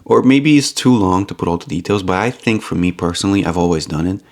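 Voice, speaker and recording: Man, from Romania, vlogger, earnest and rambling, low voice, creaky. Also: lively intonation, fast talker, a little mellow. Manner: earnest, rambling, repeats himself. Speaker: YouTube vlogger. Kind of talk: casual vlog monologue.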